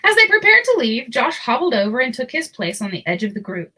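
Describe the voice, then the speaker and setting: Reading a children's storybook aloud, a woman uses a high voice with a breathy edge, narrating in an expressive, deliberate storytelling style.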